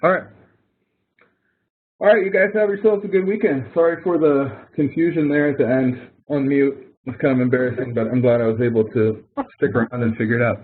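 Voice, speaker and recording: With a mid-range, steady, slightly rough voice, a male college professor speaks briskly as he guides an informal online tutoring session step by step, stressing ideas through repetition. The recording comes from an online call microphone and sounds thin and phone-like, like conference audio.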